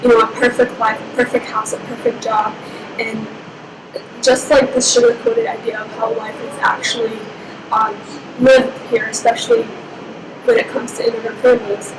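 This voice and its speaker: Give me a reflective young woman from Egypt being interviewed, her voice high and flat, over clear background noise. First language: Somali. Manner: reflective, unhurried storytelling. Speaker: interviewee, university student. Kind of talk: personal interview. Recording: echoey room with steady background noise.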